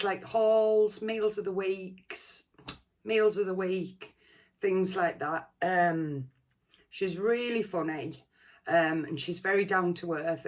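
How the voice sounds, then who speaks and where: A British woman with a fairly low voice talks at a slow, hesitant pace, as if chatting to viewers of her cooking channel. She sounds under the weather, with a sore throat, a congested chest and short breath. Her delivery is informal and rambling. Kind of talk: casual chat to viewers.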